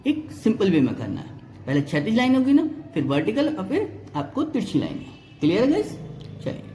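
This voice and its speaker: A man's voice: very high voice, warm tone, roomy sound, a little hiss or hum. A male reasoning teacher giving an exam-prep lesson, explaining step by step, counting items aloud and often checking whether students follow.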